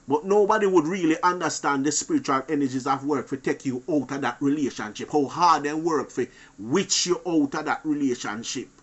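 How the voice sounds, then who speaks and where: A channel host holds forth like a street preacher in a bright voice that sits a little high. He warns other men, swinging from loud, pressing outbursts to low, muttered asides.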